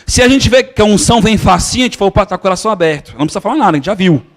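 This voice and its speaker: A man preaches with a notably high-pitched voice. He tells his story conversationally and keeps calling his listeners brothers, as a pastor in a sermon. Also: expressive, very fast.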